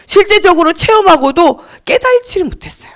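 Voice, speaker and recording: A woman preaching a children's Sunday sermon, asking the children questions and leading them in call-and-response, with soft whispered stretches. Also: extremely high pitch, brisk. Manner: sing-song and expressive, dropping to soft whispers.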